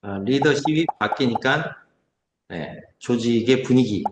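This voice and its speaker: Rapid-talking lecturer man, roomy echo. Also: medium pitch, noisy background. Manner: rapid, conversational, rhetorical questions. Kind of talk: online lecture. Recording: echoey room.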